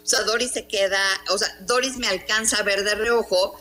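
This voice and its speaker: A Mexican woman columnist pushes her case hard in an interview, firing off rhetorical questions. Her voice is bright and forceful, sitting at an ordinary pitch for a woman. Faint music runs underneath. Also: steady tone, moderate pace. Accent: Mexican Spanish. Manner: emphatic and combative, rhetorical questions. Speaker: newspaper columnist, interview guest. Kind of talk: remote interview answers.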